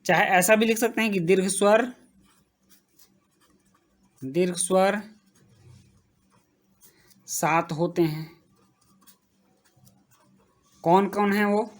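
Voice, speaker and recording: A woman teaching a grammar lesson, slowly repeating each term as she writes and checking in with her students. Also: medium pitch. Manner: slow, repeats terms while writing, checks in with "ठीक".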